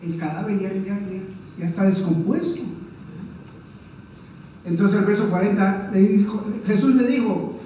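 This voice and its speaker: A man's voice: high voice, fairly even intonation, unhurried, long pauses, mellow, far from the mic, a little hiss or hum. Man preaching in an echoey church. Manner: earnest, repeats "¿verdad?" to the congregation. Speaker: pastor. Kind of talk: sermon. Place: church hall. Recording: echoey church room heard from afar.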